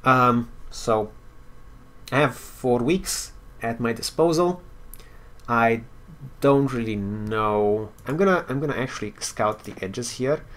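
A man's voice: mid-range voice, takes it slowly, fairly bright tone. A man giving casual gameplay commentary, thinking aloud with wry asides and now and then reading story text out. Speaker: game player and commentator.

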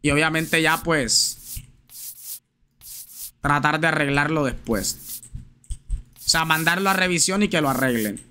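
Bright-voiced chatty male streamer. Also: a little high, measured pace, pauses often, smooth. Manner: chatty, slangy, talks straight to viewers and reads chat aloud. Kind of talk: casual live gameplay chat.

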